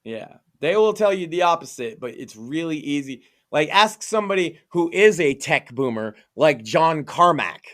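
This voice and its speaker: A young man hosting a casual podcast chat, mocking and animated, often mimicking others in exaggerated voices. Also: fairly high pitch, normal speed, few pauses. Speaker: podcast host.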